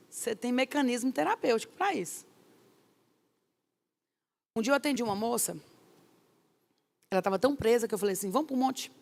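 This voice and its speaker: A woman pastor, teaching a course in an emphatic, lively way with rhetorical questions. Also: fairly high pitch, creaky.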